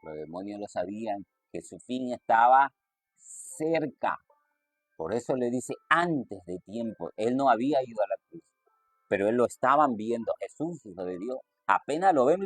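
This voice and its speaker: Slow, emphatic male preacher. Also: husky, no room sound. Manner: slow, emphatic, quotes scripture with sudden raised pitch. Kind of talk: sermon.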